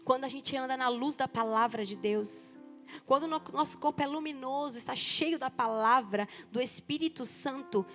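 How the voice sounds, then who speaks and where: A Brazilian woman pastor preaches with emphasis, her voice sitting high for a woman. She speaks to women in the congregation, and soft music plays faintly underneath. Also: moderate pace. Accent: Brazilian Portuguese. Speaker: senior pastor. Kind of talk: sermon.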